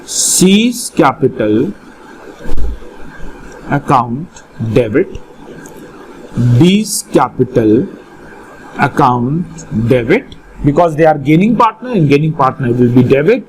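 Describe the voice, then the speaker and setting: A man's voice: on the high side, very animated, takes it slowly, long pauses, darkish tone, slight background noise, poor audio. A man with a North Indian accent teaching a live online lesson, questioning and instructing students and often repeating his phrases. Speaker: accountancy teacher.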